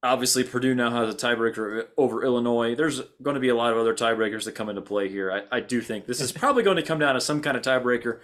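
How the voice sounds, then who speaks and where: A man's voice: medium pitch, fast talker, few pauses, a bit bright. Dry, sarcastic man recapping football. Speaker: podcast co-host. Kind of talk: casual sports talk.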